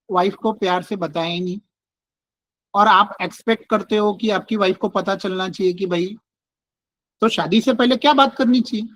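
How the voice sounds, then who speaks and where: A man's voice: sits high, fairly bright tone, poor audio. A man leading a relationship workshop. He explains things casually and keeps saying "look" and "okay". He uses everyday husband-and-wife examples, in an online session. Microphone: online session with screen sharing.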